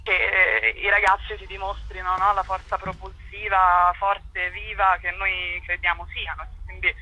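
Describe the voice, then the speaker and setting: The speaker, a young cultural association spokesperson guesting on radio, has a medium-pitched, level, sharp-toned voice and talks a little slowly. She explains conversationally while hunting for the right words, and the audio quality is low.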